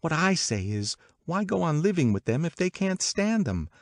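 A man voicing a gossipy, worldly young woman in an audiobook, confiding and excitable in manner. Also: a little high, moderate pace, dry recording, studio quality, pitched above the performer's own voice. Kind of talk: audiobook character dialogue.

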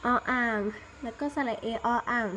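A woman's voice: normal speed, poor audio. A young woman chatting casually as she shows and prices handmade squishies, polite and chatty, spelling out her contact details. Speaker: vlogger selling handmade squishies. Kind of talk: casual product show-and-tell. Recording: loud background noise with crinkling.

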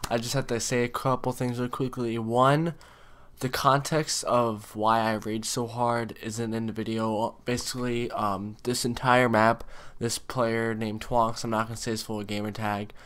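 A man's voice: medium pitch, little pitch movement, unhurried, a bit bright. A man in his twenties talking casually to his viewers as a gaming video creator, recorded in a bedroom. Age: 20s. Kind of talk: casual chat to camera. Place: bedroom, indoors.

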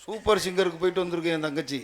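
A man's voice: sits high, very fast, a little hiss or hum. A man playing the bride's brother in a stage comedy, coaxing and pleading. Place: outdoor village stage.

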